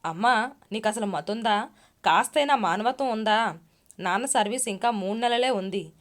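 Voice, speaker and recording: A woman's voice: mid-range voice, moderate pace, lightly acted. A woman voicing a caring grown daughter who speaks earnestly and pleads, in a read-aloud story. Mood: upset.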